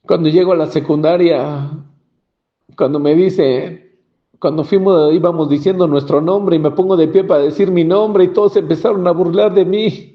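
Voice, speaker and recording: A man's voice: a little high, steady tone, moderate pace. A man giving a personal testimony about his childhood and often acting out the dialogue. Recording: dull lo-fi recording.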